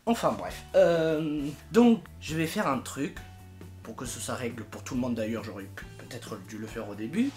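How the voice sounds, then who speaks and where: A young adult man who leads a fandub project and makes videos gives a casual, informal announcement, exasperated and emphatic with comic exaggeration. His mid-range voice is animated and a little mellow at a normal speed, with soft music in the background.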